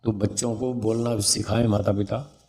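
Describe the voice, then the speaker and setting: A man's voice: fairly low pitch, fairly even intonation, moderate pace, creaky, a little mellow. A man speaking as a swami and spiritual teacher, giving a religious discourse on raising children, explaining patiently and sounding out syllables to demonstrate them.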